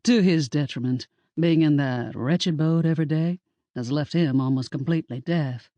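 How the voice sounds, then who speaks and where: Woman voicing a smooth Southern gentleman, low and mellow. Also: dry recording, lo-fi sound, close to an everyday voice. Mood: smooth, courteous. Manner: genteel, wordy, unhurried. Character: laid-back, courteous Southern gentleman in his thirties.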